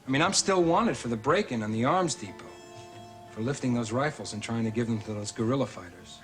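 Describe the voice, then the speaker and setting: An actor playing a lovelorn, reproachful outlaw suitor in a television soap opera. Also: male voice, mid-range voice, lively intonation, brisk, soft background music, close to an everyday voice. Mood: earnest.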